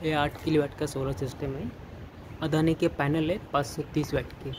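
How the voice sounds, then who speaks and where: Walking around with a handheld phone and staying off-frame, an electrician explains his installation casually, first on a rooftop and then at an indoor stairwell and wall. He's halting, restarting and repeating words as he points things out, his fairly high voice barely moving in pitch over clear traffic noise.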